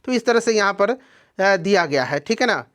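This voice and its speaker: A man's voice: high-pitched, lively intonation, moderate pace, a bit bright. A man teaching as an exam coaching teacher, going through test questions and explaining each answer, checking in with listeners as he goes. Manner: explanatory, repeats "ठीक है ना" to check in.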